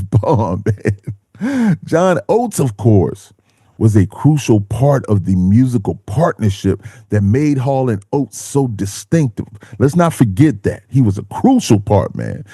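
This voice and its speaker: Laid-back man with a dark, lively voice. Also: medium pitch, slightly rough, no echo, clean studio sound. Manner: laid-back slang, drawn-out emphatic phrasing. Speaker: music show host. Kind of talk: scripted music commentary.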